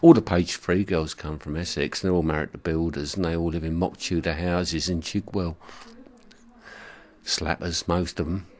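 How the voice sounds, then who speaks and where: Deep-voiced guy rambling through jokey stories, mocking tone, does the voices. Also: fairly even intonation, moderate pace. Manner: mocking, acts out others' voices. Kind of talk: casual chat.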